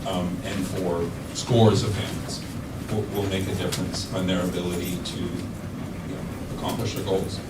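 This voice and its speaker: Man moderating panel, lowish voice, halting with fillers, distant echoey hall, noisy. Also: flat delivery. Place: large conference room. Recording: echoey hall, distant mic, loud background noise.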